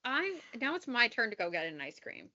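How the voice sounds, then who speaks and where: A woman's voice: on the high side, wildly swooping pitch, a little fast, sharp tone, no echo, lo-fi sound. A woman in her twenties co-hosting and editing a podcast, blunt and teasing, swearing casually. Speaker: podcast co-host and editor. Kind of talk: casual chat.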